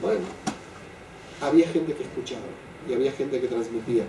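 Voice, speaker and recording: An older man leading a Torah class for a live group, often checking in with "¿sí?" and slowing down to stress key phrases. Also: mid-range voice, vocal fry, dark tone. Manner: keeps asking "¿sí?" to his listeners. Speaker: Torah teacher. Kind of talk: religious class lecture. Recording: echoey room, voice from a distant mic, faint background noise.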